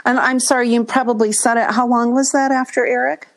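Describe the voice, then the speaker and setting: A woman hosting an interview, offering gentle, brief responses as she listens. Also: a little high, little pitch movement, brisk. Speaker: host. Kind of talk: interview conversation.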